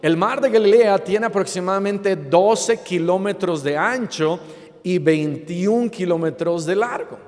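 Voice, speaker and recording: A man preaching a sermon as pastor to his congregation, asking them playful rhetorical questions and often pausing with fillers and restarts. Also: high-pitched, a little mellow. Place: church sanctuary. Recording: long reverb of a church hall.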